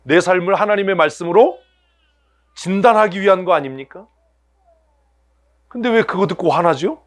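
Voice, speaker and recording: A man's voice: sits high, animated, moderate pace. A male pastor preaching a sermon to his church, asking the congregation rhetorical questions and acting out everyday scenes in other voices. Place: church sanctuary.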